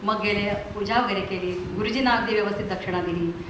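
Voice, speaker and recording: A woman telling a funny story to a concert audience between songs, speaking in a lively, chatty way into a stage microphone. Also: medium pitch, brisk, background noise. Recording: echoey live hall sound.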